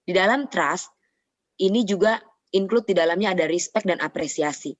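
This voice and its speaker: Woman psychologist doing a parenting webinar, lowish voice, chatty explaining, dry dull lo-fi audio. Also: normal speed, dry recording. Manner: explaining with acted examples of parent phrases. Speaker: psychologist speaker.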